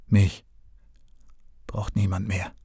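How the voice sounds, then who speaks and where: Mann spielt einen müden alten Leierkastenmann. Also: male voice, fairly low pitch, level tone, takes it slowly, creaky, dark tone, slightly rough, no echo, clean studio sound, heavily acted. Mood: weary. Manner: weary, subdued. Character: old, tired, sad organ-grinder man.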